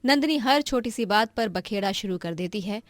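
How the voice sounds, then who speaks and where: A woman giving scripted narration of a cartoon story in an even storytelling manner. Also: medium pitch, moderate pace, no echo.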